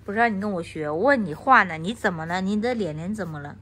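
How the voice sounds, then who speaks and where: A woman's voice: mid-range voice, expressive, fast talker, fairly bright tone, a little hiss or hum. A woman from Anhui scolding her toddler at home, repeating baby talk. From Anhui, China.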